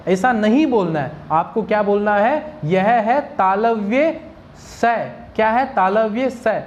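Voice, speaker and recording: In this pronunciation lesson, the Sanskrit teacher's voice is fairly high and a little mellow, with a touch of hiss or hum on the recording. She works through sounds one by one, putting questions to the class and answering them herself.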